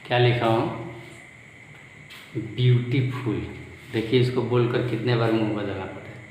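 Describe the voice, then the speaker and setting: A male school teacher with a north Indian accent, giving a classroom grammar lesson and slowly repeating each word form in a drill. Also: mid-range voice, steady tone, a little mellow. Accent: Hindi-speaking north Indian. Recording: very echoey room with long reverb, faint noise.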